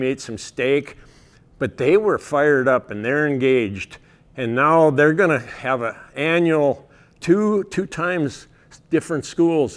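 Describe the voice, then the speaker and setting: A man's voice: medium pitch, fairly bright tone, clear, resonant tone. A man from North Dakota, a rancher and grazing coalition president, giving a casual conference talk with slides, telling folksy stories and chuckling often. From North Dakota, USA.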